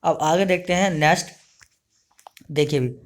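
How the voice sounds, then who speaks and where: A man's voice: on the high side, moderate pace. A male teacher, giving an online exam-prep lesson, reading short poems aloud and then explaining each one plainly.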